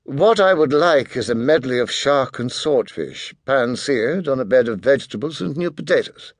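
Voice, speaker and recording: A man's voice: mid-range voice, lively intonation, moderate pace, no echo. Man playing a haughty teen genius, cold, condescending, precise, dry close sound.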